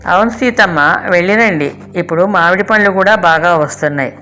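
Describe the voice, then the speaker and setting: A woman's voice: on the low side, a little fast, pushed and bright. An older woman voicing an elderly grandmother who speaks indulgently and teases fondly. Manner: indulgent, teasing. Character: elderly grandmother, affectionate and teasing.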